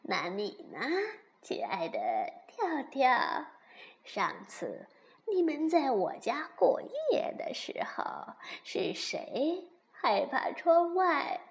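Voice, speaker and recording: A woman voicing a kind, gentle old granny bear who speaks in a soft, breathy half-whisper. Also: high-pitched, huge pitch swings, slow pace, heavily acted.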